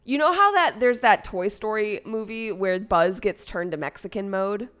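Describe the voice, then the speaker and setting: A woman streamer in casual chat, expressive and playfully defensive. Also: medium pitch, normal speed.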